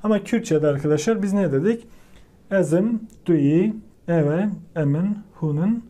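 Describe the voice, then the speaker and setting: A man teaching a language lesson, repeating each word slowly and calling out to his viewers as he drills grammar forms. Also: sits high, mellow.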